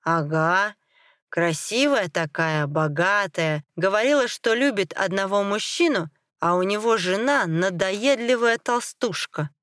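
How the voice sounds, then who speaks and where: A woman's voice: medium pitch, animated, a little slow, fairly bright tone, clear, resonant tone. A woman playing a gossiping man in a beer hall, offhand and chatty, in a storybook drama. The voice sits dry and close to the mic.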